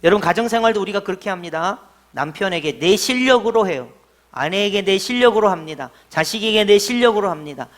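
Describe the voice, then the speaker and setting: A middle-aged pastor preaching a sermon, telling stories and swinging between loud emphatic lines and quiet asides. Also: male voice, high voice, animated, fairly quick. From Jeolla, South Korea. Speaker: senior pastor.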